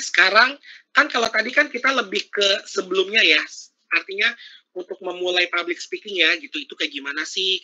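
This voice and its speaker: A man's voice: high-pitched, pushed and bright, muffled recording. A man giving a casual, interactive workshop talk over a video call. He chats freely and keeps asking his audience questions. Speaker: workshop speaker.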